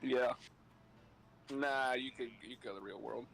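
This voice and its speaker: A man's voice: mid-range voice, moderate pace, gravelly, fairly bright tone, husky, rough recording. A man joking and teasing in casual banter over a voice call. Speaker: co-host on a voice call.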